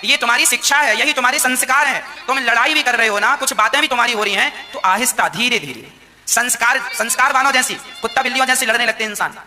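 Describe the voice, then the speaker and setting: A male preacher gives a devotional katha sermon in a very high, bright, ringing voice. He tells stories with acted quotes and repeats phrases for emphasis. His voice echoes in a reverberant hall, with faint violin music behind. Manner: expressive storytelling with acted quotes and repetition.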